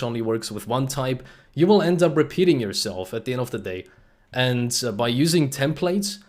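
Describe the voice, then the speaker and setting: Casual man presenting a live coding talk. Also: medium pitch. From Germany. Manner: casual, explanatory, frequent "uh" fillers, addresses chat. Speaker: host and presenter. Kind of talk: live-streamed technical presentation.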